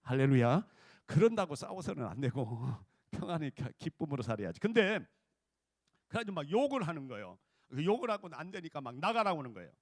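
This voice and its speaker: A man's voice: on the high side, sing-song, quick pace, no echo, clean studio sound. A man preaching a revival sermon, telling a story with acted-out quotes and leading the congregation in call-and-response. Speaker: pastor.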